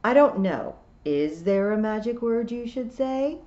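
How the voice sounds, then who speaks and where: A woman's voice: low-pitched, lively intonation, normal speed, darkish tone, reverberant. A woman voicing a grumpy, resentful male talking toad with a dry, formal, grudging manner, on a slightly dull recording. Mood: grumpy, unhelpful.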